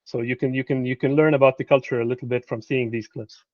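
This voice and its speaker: A man gives a lecture to students in an easy, conversational tone. He often stumbles and repeats words while he looks for the right one. His voice is mid-pitched, and the recording is dry and a little dull. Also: fairly even intonation, quick pace, no echo. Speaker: translator giving a presentation.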